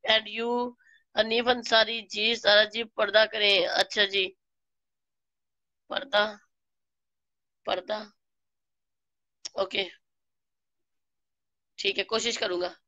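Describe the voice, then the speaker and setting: Slow, bright-voiced Pakistani woman streamer, hoarse. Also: medium pitch, little pitch movement, no echo, lo-fi sound. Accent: Pakistani Urdu. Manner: slow, greets viewers by name, playful scolding. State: hoarse from a flu and sore throat. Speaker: live streamer. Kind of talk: live stream, reading viewer comments.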